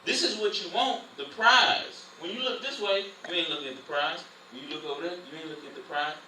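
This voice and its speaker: A man leading an informal Bible study, preaching in a lively, conversational way. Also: a little high, a little fast. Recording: roomy, distant, faint noise.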